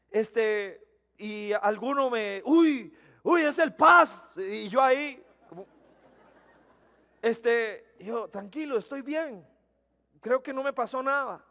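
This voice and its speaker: A man preaching a sermon in a church, telling a personal story and swinging between loud emphasis and quiet, hushed moments. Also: high voice. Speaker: pastor. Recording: long reverb of a church hall.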